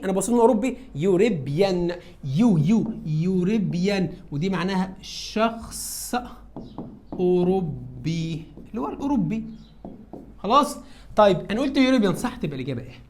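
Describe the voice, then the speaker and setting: A man's voice: high voice, a little hiss or hum. A man with an Egyptian Arabic accent teaching an English lesson. He asks questions and answers them himself, and speaks some lines in his students' voices. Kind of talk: classroom lesson.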